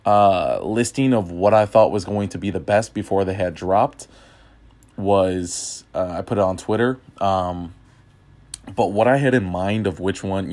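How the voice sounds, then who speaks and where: A man with the hiccups hosts a casual music podcast, rambling through music reviews with many fillers. His voice is low-pitched and a little mellow.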